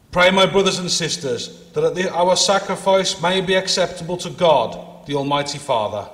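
Priest intoning with cathedral echo. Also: male voice, fairly high pitch, expressive, fairly bright tone. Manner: measured, solemn intoning. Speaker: priest leading Mass. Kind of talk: liturgical prayer, partly sung. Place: large church. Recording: long echo of a large church.

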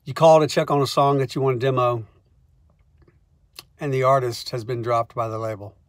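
A man who is a songwriter, telling comic stories in a wry, animated way and acting out the scenes. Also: mid-range voice, normal speed, no echo, clean studio sound. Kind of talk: comic storytelling monologue.

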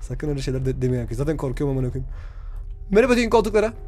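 A man's voice: mid-range voice, very fast. A young man streaming a horror game, talking straight to his viewers, swearing a lot and yelping in fright. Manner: excitable, yelps and shouts in fright, swears a lot; talks to viewers directly. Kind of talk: horror game let's play commentary.

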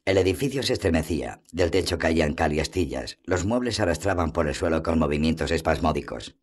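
A man reading a fantasy novel aloud as an audiobook, in steady, measured narration. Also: rumbling low. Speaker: audiobook reader. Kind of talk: scripted narration.

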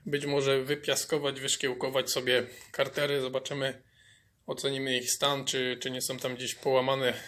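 Guy fixing an old saw in his workshop, kinda monotone, bright sharp voice, lots of um and repeats. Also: medium pitch, moderate pace. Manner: hesitant, many fillers and repeated words. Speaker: mechanic restoring a chainsaw. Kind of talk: workshop repair commentary. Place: workshop bench.

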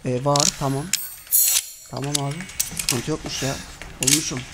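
A man's voice: mid-range voice, level tone, moderate pace. A man with a Turkish accent commenting casually on a horror game, jumpy and cursing under his breath at it. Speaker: gamer playing a horror game. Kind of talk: casual let's-play commentary. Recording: loud sizzling noise behind the voice.

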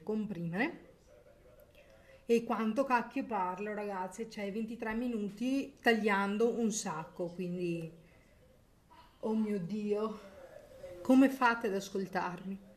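This young mother vlogs from her kitchen with an Italian accent, chatting casually to viewers at home and singing softly in a coo to her baby. Her medium-pitched voice is a little mellow.

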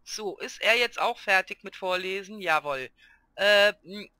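A woman hosting a let's play, chatting excitedly through her game and talking to her characters. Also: mid-range voice, measured pace, smooth, no room sound. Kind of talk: casual gameplay commentary.

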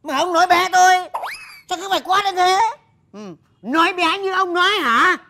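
Excitable exclaiming village woman, high and bright. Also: moderate pace, slight background noise, heavily acted. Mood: exasperated. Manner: exclaiming, fussing. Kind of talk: comedy film acting.

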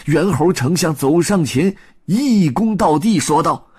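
A storyteller reading a classic tale in an expressive, sing-song manner. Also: medium pitch, a little slow, slightly rough. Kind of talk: audiobook storytelling.

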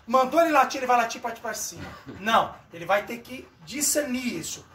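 High-voiced dog trainer, echoey and distant. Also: male voice, expressive, brisk, bright, forceful tone, a little hiss or hum. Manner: informal, talks straight to the viewers. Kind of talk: explaining to camera, then coaching.

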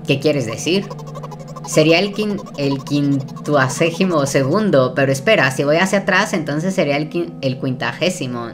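A woman from casually reading a text game aloud in a nervous, self-mocking way, stumbling over words and giggling. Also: low-pitched. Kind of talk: casual let's-play narration and reading. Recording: game music playing behind her voice.

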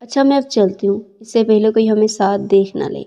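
A woman's voice: mid-range voice, dark tone, lightly acted. A woman voicing a hesitant, cautious young woman in a storybook reading. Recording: dull lo-fi with long reverb.

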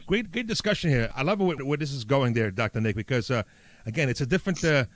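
A man from Italy with a New York accent hosting an interview, enthusiastic and halting, with many fillers. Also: mid-range voice, animated, dry recording. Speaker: podcast host. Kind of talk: interview conversation.

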